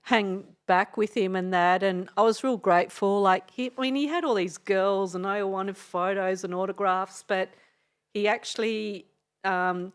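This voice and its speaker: A woman's voice: medium pitch, fairly even intonation, normal speed, smooth. A middle-aged Australian woman, a DJ and radio host, telling a story in a casual podcast interview, rambling with frequent hesitations and laughs.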